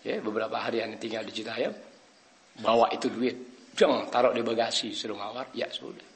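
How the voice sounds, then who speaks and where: A man's voice: lowish voice, brisk, a little hiss or hum. A middle-aged man tells a story in a sermon, laughing often and acting out the people in it. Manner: animated, switches into voices of people in his story; laughs often, mixes Arabic-derived words. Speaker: preacher.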